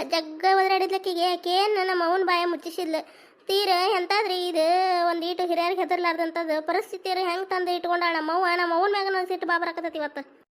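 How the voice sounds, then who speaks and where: A woman playing a hurt young wife with a high North Karnataka voice. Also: fairly bright tone. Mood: indignant. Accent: North Karnataka Kannada. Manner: complaining, plaintive village speech. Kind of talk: homemade village family drama.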